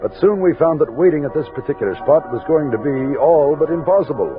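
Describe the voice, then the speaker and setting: An American man, lead actor and narrator of a 1960s radio drama, plays a commanding frontier expedition captain recounting his journey in a measured way. His voice sits on the high side, expressive and brisk yet close to everyday speech. The old recording is narrow-band, with music underneath.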